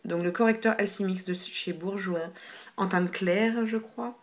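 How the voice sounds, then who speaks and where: A woman's voice: mid-range voice, steady tone, unhurried. Chatty young woman reviewing makeup. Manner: chatty, filler-heavy, repeats hyper, drops to near whispers. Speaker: beauty vlogger. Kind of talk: casual product haul review. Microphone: phone camera.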